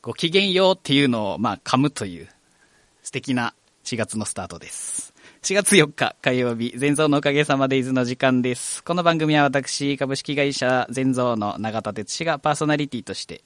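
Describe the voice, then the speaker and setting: A man's voice: mid-range voice, moderate pace, a bit bright, no echo. A man hosting a live radio program, speaking with a Kagoshima accent in a chatty, friendly way. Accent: Kagoshima dialect. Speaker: radio host.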